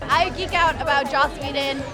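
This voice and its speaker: A woman's voice: high-pitched, fairly even intonation, moderate pace. A woman gushing enthusiastically and emphatically in red carpet chatter. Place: busy public red carpet event. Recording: loud music and crowd behind.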